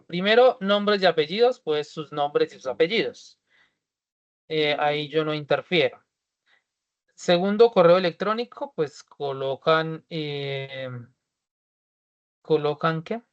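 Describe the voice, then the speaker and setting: A man's voice: on the high side, clear, resonant tone, lo-fi sound. Patient man guiding an online class. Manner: patient, repeats each step, asks if everyone is ready. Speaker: teacher.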